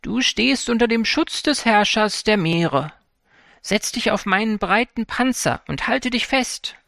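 Storybook figure: a kind old sea-turtle nursemaid with a higher, slow, gravelly voice, as a man puts her on. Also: lively intonation, a bit bright, dry recording, clean studio sound, heavily acted. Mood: solemn, reassuring.

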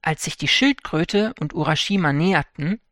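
A man narrating a fairy tale for an audiobook in a calm, measured storytelling manner. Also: on the high side, no room sound, studio quality.

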